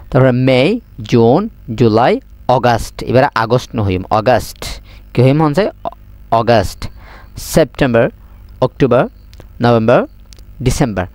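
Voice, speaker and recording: A man with a Chittagonian accent gives a beginner English lesson at a middle pitch, repeating each word slowly and prompting the listener to say it back. The sound is dry and close. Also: a little mellow, no room sound. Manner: drills words by repeating them slowly and asking the listener to repeat. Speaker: English teacher.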